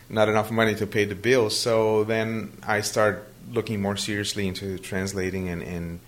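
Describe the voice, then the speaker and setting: A native Portuguese-speaking man from Brazil responds to interview questions in a lowish voice with little pitch movement and a measured pace. His speech is hesitant and conversational, with many fillers and restarts.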